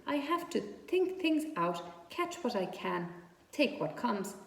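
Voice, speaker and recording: A woman's voice: fairly high pitch, sing-song, takes it slowly, vocal fry, distant mic, pitched above the performer's own voice, heavily acted. In a roomy, echoing space, a woman reader plays a genteel female spider from a storybook. She is proud and unapologetic, explaining herself in a thin, pleasant, precise voice. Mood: frank, firm. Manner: matter-of-fact, precise, unapologetic.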